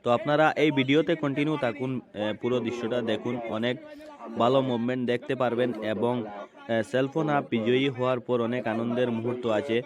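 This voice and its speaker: A man informally presenting football highlights to his video followers. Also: steady tone, fast. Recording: crowd noise behind, outdoors.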